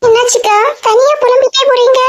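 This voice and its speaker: A meek, grateful village woman from a cartoon, voiced by a woman, speaking sweetly with a Kanyakumari Tamil accent. Her voice sits very high and keen to please. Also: flat delivery, brisk. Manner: sweet, pleading, eager to please.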